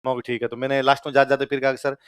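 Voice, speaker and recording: A man's voice: mid-range voice, racing, clean tone, dry recording, studio quality. A young man with a Rajasthani accent, giving a joking classroom lecture and quizzing his students. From Churu, Rajasthan. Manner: lively, jokey, asks the class questions. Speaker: teacher.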